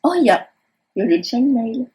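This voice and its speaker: A young woman who hosts a gaming channel gives a casual tour of her game world from home at her laptop, rambling and hesitating with lots of fillers. Her voice is fairly high, very animated, a bit fast and warm with a breathy edge, and the audio quality is poor.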